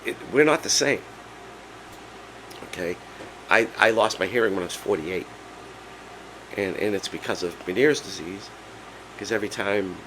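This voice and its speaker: A man of sixty with laryngitis, his hoarse voice giving out as he chats casually and haltingly as a vlog host. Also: on the low side, a bit bright, a little hiss or hum, poor audio. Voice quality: hoarse, breaking voice. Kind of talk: casual personal vlog, chatty storytelling.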